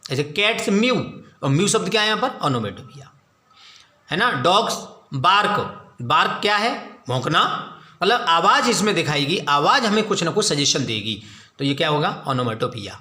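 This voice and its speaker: A man gives an English lesson, explaining each point in Hindi and stopping to ask questions he answers himself. His voice sits high and has a bright, forward ring. It echoes off the walls of the room he teaches in. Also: very animated. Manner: explains in Hindi, reads English definitions slowly; calls students "beta". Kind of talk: classroom lecture.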